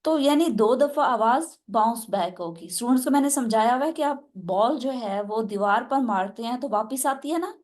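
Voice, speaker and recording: A woman's voice: on the high side, expressive, few pauses, darkish tone. A woman teaching tajweed in an online class, explaining step by step and asking her students questions. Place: online video call class.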